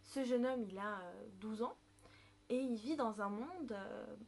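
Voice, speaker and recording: A woman's voice: on the high side, measured pace, vocal fry. A woman, presenting a book review on her vlog in a chatty way, with many fillers and self-corrections. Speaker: book vlogger.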